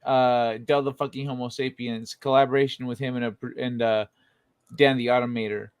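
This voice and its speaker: A man's voice: medium pitch, level tone, fairly quick, clean tone, dry recording, studio quality. A young man hosting a late-night livestream, chatting in a laid-back, rambling way and laughing often. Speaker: livestream host. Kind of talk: casual late-night chat.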